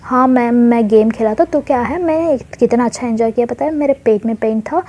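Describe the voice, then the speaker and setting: A woman's voice: on the high side, moderate pace, mellow, natural voice. A woman voicing a cheeky young boy who brags and whines at his older sister in a spoken story. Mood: boastful.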